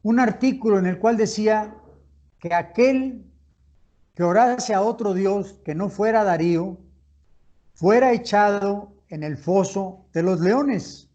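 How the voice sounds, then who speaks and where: A man leading a youth Bible study, reading verses aloud and then rephrasing them in measured explanations, on a dull lo-fi recording. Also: high-pitched, darkish tone.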